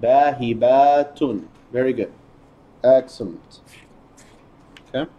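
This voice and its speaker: A man's voice: mid-range voice, measured pace, lo-fi sound. A man teaching a class, drilling words and patiently correcting and praising students. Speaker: Arabic teacher.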